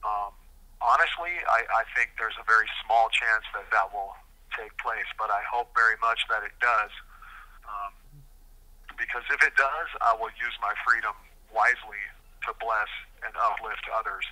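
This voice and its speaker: A man speaking earnestly over a prison payphone call, measured and deliberate, with frequent hesitations. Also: lowish voice, steady tone, sharp tone, poor audio. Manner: measured, deliberate, many fillers. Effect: prison payphone call line. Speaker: incarcerated man interviewed by phone. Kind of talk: earnest interview answers.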